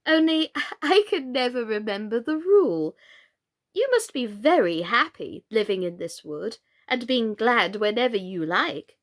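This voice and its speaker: Storybook old queen: scatty, excitable, wailing, very high, slow and drawn out. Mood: brisk, wistful. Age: older. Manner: wailing, exclamatory, squeaky when excited.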